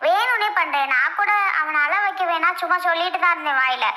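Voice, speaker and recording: Woman voicing a cheeky teasing cartoon girl, sing-song, squeaky high. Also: fast, bright, forceful tone. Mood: defiant. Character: teasing mischievous young woman Sathya. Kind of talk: cartoon voice acting.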